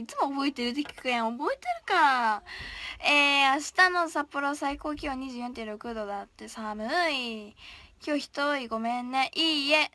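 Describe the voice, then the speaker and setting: Brief: young female idol, livestream chat, high and bright, playful, slips into whispers reading comments. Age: young, still a student. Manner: chatty and playful, drops to whispers while reading.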